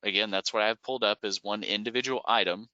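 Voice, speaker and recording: A lower-pitched man with a strikingly bright, forceful tone, walking viewers through software features on a shared screen. His voice is smooth and crisp, and he explains patiently with easy "uh" and "um" fillers. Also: quick pace, no echo, lo-fi sound. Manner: relaxed and explanatory, frequent "uh" and "um" fillers. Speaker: software company staff presenting product updates. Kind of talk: webinar screen-share walkthrough.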